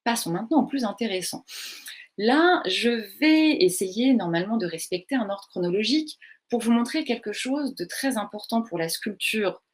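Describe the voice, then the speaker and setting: A woman's voice: medium pitch, breathy edge. A woman delivers an online art history lecture, reading out viewer questions as she goes. Her delivery is chatty and unscripted, with frequent hesitations and little self-corrections. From France.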